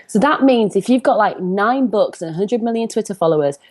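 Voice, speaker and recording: A Northern English woman in her thirties, a comparison coach appearing as an interview guest, chats animatedly and shares personal stories. Her voice is medium-pitched and a little darkish, with lively intonation and a slightly fast pace.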